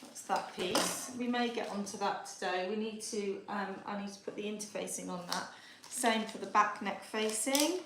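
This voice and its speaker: In an echoey home kitchen with noise in the background, a Yorkshire woman runs a live sewing tutorial, talking and musing aloud as she goes. She speaks at a moderate pace in a mid-range voice.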